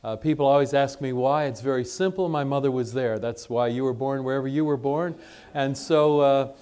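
Speaking at normal speed with a mellow, clean, medium-pitched voice, this man presents a casual religious seminar to an audience in a conference seminar room. He was born in Egypt to missionary parents and grew up in Lebanon, and his manner is chatty and self-mocking, often questioning the listeners.

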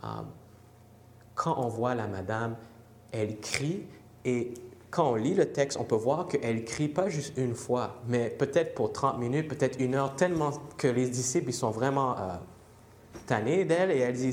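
A man preaching a sermon, animated and repetitive, with self-deprecating humor. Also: medium pitch, unhurried, reverberant, slight background noise.

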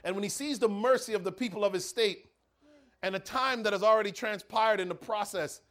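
Brief: male preacher, high voice, dramatic sermon storytelling. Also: fairly quick, a bit bright.

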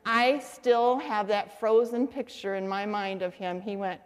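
A middle-aged woman teaching a faith-based class. She tells lively stories and asks her listeners questions. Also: mid-range voice, measured pace, noisy background. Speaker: Bible study teacher.

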